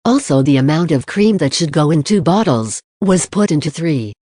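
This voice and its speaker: An audiobook narrator reads in a steady, plain storytelling manner. The tone is dark and warm. The sound is close and dry, with no room echo. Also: mid-range voice, normal speed.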